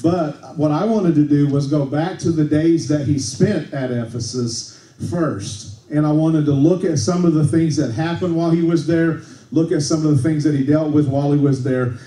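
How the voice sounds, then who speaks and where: A male pastor preaching a relaxed, conversational sermon, often checking in with the congregation and restarting his sentences. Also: on the high side, moderate pace. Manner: conversational, tag questions like okay, frequent restarts. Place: church sanctuary. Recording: echoey church room, mic at a distance.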